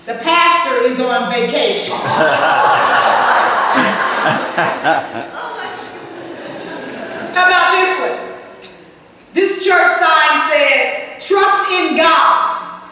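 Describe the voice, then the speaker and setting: A woman pastor preaching a sermon, slow and emphatic, calling out "Amen?" to the congregation. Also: high voice. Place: church sanctuary. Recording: echoey church sanctuary from far off with faint hum.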